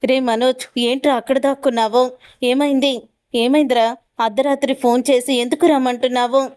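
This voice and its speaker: A stern mother-in-law who scolds and demands answers, as a woman storyteller reads her out. The voice is high and smooth, recorded close and dry. She questions sharply and orders her family about. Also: steady tone, moderate pace, a little mellow, no room sound, lightly acted. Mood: scolding.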